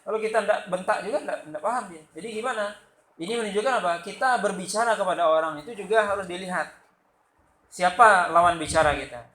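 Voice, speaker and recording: A man from Sumatra with a Sumatran Indonesian accent, giving a loud, lively religious lecture and acting out the quotes in his stories. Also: high-pitched, fast. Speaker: religious teacher. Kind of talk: study-circle lecture. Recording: echoey room with faint background noise.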